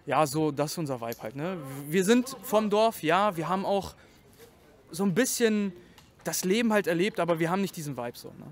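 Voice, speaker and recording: A man's voice: high voice, lively intonation, moderate pace. A man in his twenties from Germany, a rapper guest chatting casually and telling stories in slangy, loose talk. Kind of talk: casual chat.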